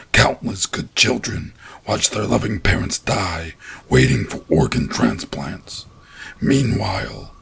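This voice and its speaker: A man's voice: deep voice, gravelly, husky, voice pushed up, full character voice. A man voicing a towering, rotting male monster like an evil Santa, who speaks coldly and hisses without mercy in a horror story. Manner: cold, hissing, unmoved.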